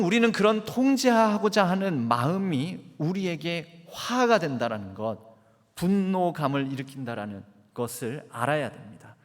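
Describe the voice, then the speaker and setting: A man, the pastor, preaching a sermon in a church and asking the congregation questions. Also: a little high. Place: church sanctuary. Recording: church hall reverb.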